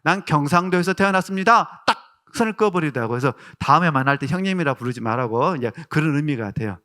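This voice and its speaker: Animated and quick, a mid-range male voice delivers a sermon with a Jeolla Korean accent. The pastor spins warm stories and asks the congregation rhetorical questions.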